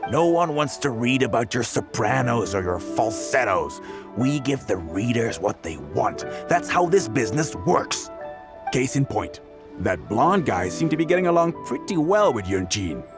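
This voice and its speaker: An actor playing a sleazy, bullying tabloid editor who mocks and threatens a young reporter, in game audio with music behind. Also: male voice, medium pitch, very animated, moderate pace, close to an everyday voice. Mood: sneering. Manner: sneering, bullying, mocking. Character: sleazy scheming male tabloid editor, middle-aged. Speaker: game character. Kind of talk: video game voice acting.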